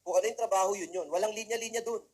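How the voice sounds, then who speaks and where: Racing along in a high, slightly mellow voice, a Filipino motivational speaker entertains students with comic stories. He addresses the audience directly throughout his humorous talk.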